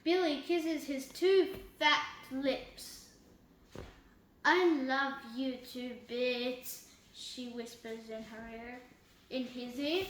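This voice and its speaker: A woman reading a children's book aloud, halting, with slips and restarts. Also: high voice, fairly bright tone, slight background noise. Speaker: reader. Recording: roomy echo.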